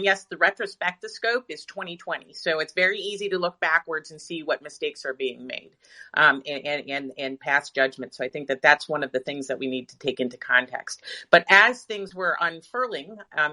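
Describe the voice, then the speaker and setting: A woman physician giving measured, thoughtful answers in a live audio discussion. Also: sits low, sharp tone.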